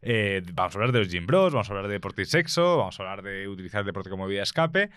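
A man's voice: lowish voice, very animated, rapid-fire, fairly bright tone, clean tone, dry recording, studio quality. A man hosting a podcast, chatting casually in a joking, self-mocking, rambling way. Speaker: podcast host.

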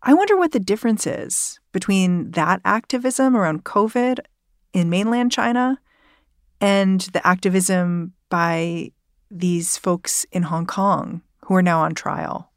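A woman's voice: medium pitch, measured pace, no echo, clean studio sound. A woman hosting a news podcast who asks questions in a casual, curious way. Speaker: podcast host.

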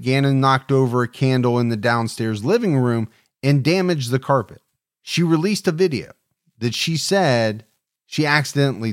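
A man co-hosting a podcast, reading a true crime story and adding his own opinions, with shifting emphasis. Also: mid-range voice. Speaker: podcast co-host. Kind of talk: scripted true crime narration.

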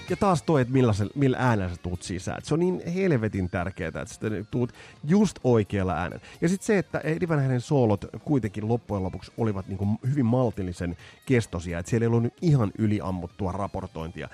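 A man's voice: lowish voice, warm tone. A man in his forties or fifties from Finland, hosting a podcast and talking casually in a rambling way, with many fillers and restarts. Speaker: podcast host. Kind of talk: casual music podcast commentary. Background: faint music.

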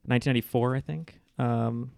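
A man's voice: medium pitch, steady tone, brisk, creaky, darkish tone, dry recording, clean studio sound. A man bantering casually as a panelist on a trivia show. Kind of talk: casual joking trivia chat.

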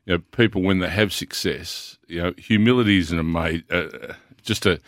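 A man's voice: sits low, normal speed, dry recording, studio quality. An Australian man co-hosting a casual sports radio show, rambling a little as he talks. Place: radio studio.

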